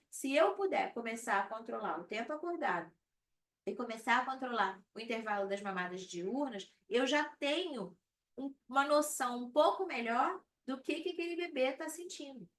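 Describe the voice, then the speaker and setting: A woman, a baby sleep consultant talking to viewers on a live stream in a conversational way, often checking in with "tá?". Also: on the high side. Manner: conversational, frequent "tá?" check-ins. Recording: slightly distant mic with faint background noise.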